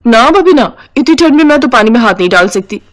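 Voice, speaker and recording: A woman's voice: fairly high pitch, lively intonation, fast, lightly acted. A woman voicing a lazy, whiny young sister-in-law in a cartoon story, with a dismissive way of talking.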